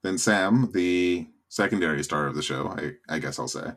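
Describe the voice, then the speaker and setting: A man's voice: deep voice, moderate pace, fairly bright tone. A man co-hosting a podcast, giving a casual recap of a TV episode. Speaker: podcast co-host.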